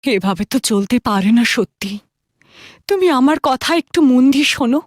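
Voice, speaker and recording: A woman voicing a poor farmer's steadfast, reassuring wife in a cartoon, coaxing gently but firmly. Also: high voice, expressive, moderate pace, no echo, studio quality. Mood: gently resolute. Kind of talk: cartoon dialogue.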